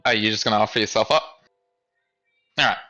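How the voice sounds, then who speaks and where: A man narrating as game master of a tabletop game, casual and halting. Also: fairly low pitch, fairly even intonation, bright, forceful tone, lo-fi sound, soft background music.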